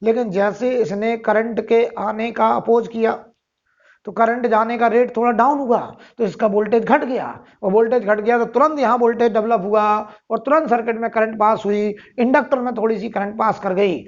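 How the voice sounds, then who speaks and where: A man's voice: extremely high pitch, steady tone, moderate pace. Man teaching physics, dull lo-fi recording. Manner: keeps asking and answering rhetorical questions, repeats key phrases. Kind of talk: recorded classroom lecture. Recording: dull lo-fi sound.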